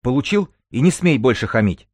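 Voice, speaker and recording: A man's voice: on the low side, sing-song, a little fast, warm tone, dry recording. A man reading an audiobook, voicing a fiery young woman who scolds sharply. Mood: angry.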